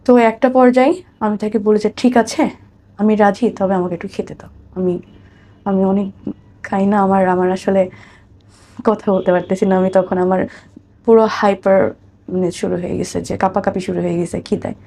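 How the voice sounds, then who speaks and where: Speaking at medium pitch with a flat, warm delivery, a Bangladeshi-accented woman recounts her life as a guest on an interview. She moves at a moderate pace with long pauses, repeating phrases and speaking to the host with respect.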